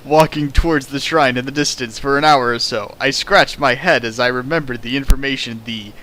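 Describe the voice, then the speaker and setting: A man with a mid-range, bright, forceful voice reads a fan fiction aloud for laughs, speaking briskly on a rough recording. He keeps interrupting with sarcastic, mocking remarks about the writing and laughs at the text.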